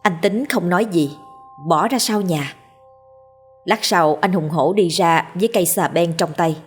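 A woman narrating a ghost story in a steady, measured way. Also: lowish voice, husky. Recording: faint background music.

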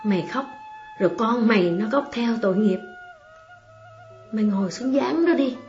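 A woman's voice: fairly high pitch, normal speed, darkish tone, close to an everyday voice. A woman reading the part of a stern male village official who gives curt orders. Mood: commanding. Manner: curt, commanding. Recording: slightly muffled, faint music behind.

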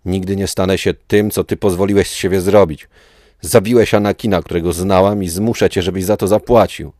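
A fierce, desperate young warrior woman, voiced by a man raising his voice high. Her lines come out shaky and loud, cried in defiance, close and dry. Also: fairly even intonation, brisk, no room sound.

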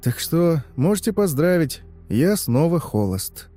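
A man's voice: on the high side, sing-song, measured pace, music in the background. A man in the role of a taxi driver, telling a horror story in a conversational, confiding way. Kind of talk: scripted horror narration.

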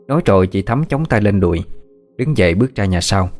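A man, telling a ghost story in a steady, even way. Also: on the low side, fast, soft background music.

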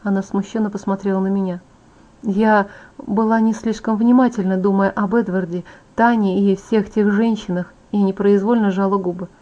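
A woman reading a novel aloud in the first person, in an even, measured storytelling manner. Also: medium pitch. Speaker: audiobook narrator. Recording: dull lo-fi audiobook audio.

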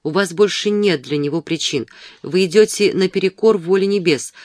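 An ardent young gentleman pours out a passionate, insistent plea in a storybook reading, as a man puts him on. The voice sits fairly high for a man and sounds close and dry. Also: no room sound, close to an everyday voice. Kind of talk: audiobook dialogue.

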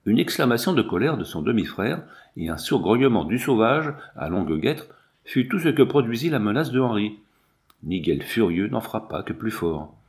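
A man narrating a novel in a steady, measured reading voice. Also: lowish voice. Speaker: audiobook reader. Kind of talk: scripted narration.

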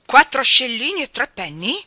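A woman voicing a stern, domineering old spinster who scolds in a booming voice. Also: very animated, moderate pace, sharp tone, dry recording, exaggerated voice. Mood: scolding.

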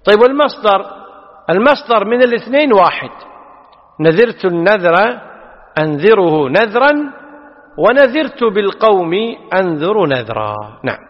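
A man's voice: sits high, sing-song, normal speed, long pauses. A man teaching a lesson on a classical text, patiently explaining and putting questions to his students. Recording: dull audio, long hall reverb.

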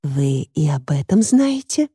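A woman's voice: low voice, very animated, measured pace, warm tone, husky, no echo, studio quality, heavily acted. A woman reading the lines of a stern, impatient woman police detective in an audiobook. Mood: curt.

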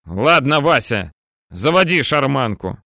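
A man voicing a gruff, irritable middle-aged tank commander who shouts orders. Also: mid-range voice, very animated, a little slow, dry recording, studio quality, exaggerated voice.

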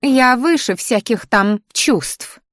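A woman's voice: a little high, expressive, slow pace, fairly bright tone, no echo, studio quality, voice pushed up. A woman voicing a grumpy, haughty female talking flower in a storybook reading, grumbling and huffy.

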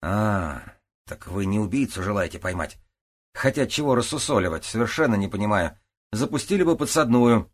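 A man's voice: lowish voice, lively intonation, normal speed. A male narrator reading an audiobook, voicing a wry, sly ex-convict husband who talks in an ironic, mocking way.

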